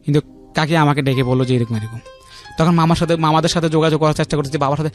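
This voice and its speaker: A slightly high-voiced man talks rapid-fire with fairly even intonation. In his 30s and with a Bangladeshi accent, he tells his own story in a radio studio interview, circling back over points and dropping in check-in tags often. Faint music sits underneath.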